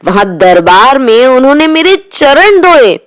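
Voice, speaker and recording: Woman playing a proud boastful boy, slow, relishing, animated pitch. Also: no room sound. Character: boastful boy Suraj recounting his grand dream.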